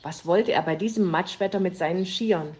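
A woman narrating a children's story with an expressive reading manner. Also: lowish voice, normal speed.

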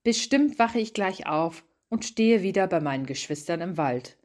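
A woman's voice: fairly low pitch, animated, normal speed, darkish tone, lightly acted. A woman voicing a small, timid Christmas tree thinking its wondering thoughts in a storybook reading.

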